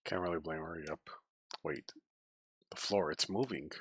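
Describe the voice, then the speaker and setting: A man's voice: sits low, fairly even intonation, moderate pace, background noise. A man streaming, reading a visual novel aloud, with casual, swearing reactions to the chat.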